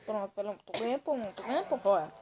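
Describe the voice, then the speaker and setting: A woman with a Brazilian accent giving excitable, running commentary on a game she is playing for a video, often telling the viewer to look. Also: medium pitch, very fast, over a noisy crowd. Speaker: gaming video host. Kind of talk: let's-play gameplay commentary. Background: faint game music.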